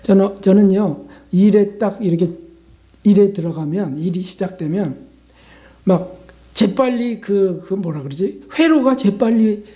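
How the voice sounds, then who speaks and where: A pastor delivers an animated Lenten sermon, his pitch and volume jumping suddenly. He fires quick questions at the congregation, often asking things like "right?", and drops to hushed whispers for emphasis.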